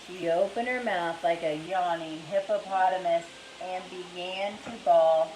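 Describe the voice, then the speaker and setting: A woman reading a children's book aloud in an expressive storytelling manner. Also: fairly low pitch, a little slow, roomy sound, a little hiss or hum, rough recording. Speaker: reader.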